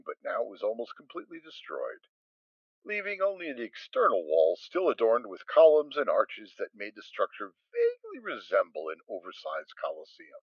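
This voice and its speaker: In a dry, slightly dull home recording with no echo, a man with a mid-range voice reads scripted story narration, delivering it theatrically like a storyteller.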